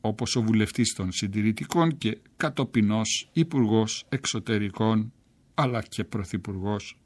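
A man narrating a literary essay in a measured, emphatic reading style. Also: lowish voice.

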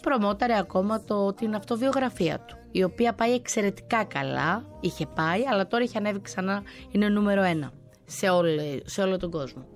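Chatty woman host over soft music. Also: medium pitch, animated. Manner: conversational, with frequent hesitations and restarts. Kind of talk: casual radio chat. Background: faint music.

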